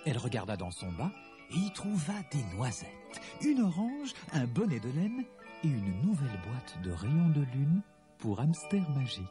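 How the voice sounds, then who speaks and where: Expressive male storybook narrator. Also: medium pitch, moderate pace, music in the background.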